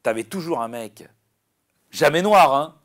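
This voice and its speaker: A man, a comedian chatting in an interview, rambling and animated with many restarts. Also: on the high side, measured pace. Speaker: comedian guest. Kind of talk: casual interview chat.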